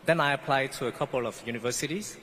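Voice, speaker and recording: A man from French Guiana, who isn't a native English speaker, gives an earnest commencement speech telling the story of his life. He talks fast at a medium pitch, with a bright, forceful tone. The hall is echoey, with faint ambience and slight background noise.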